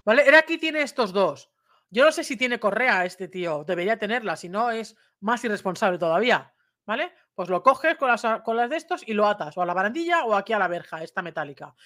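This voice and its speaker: A woman's voice: mid-range voice, lively intonation, a little fast, fairly bright tone. A woman commenting on a dog attack video in a casual, conversational way, often checking in with her listener and explaining step by step. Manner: imitates bite sounds and raises voice for emphasis.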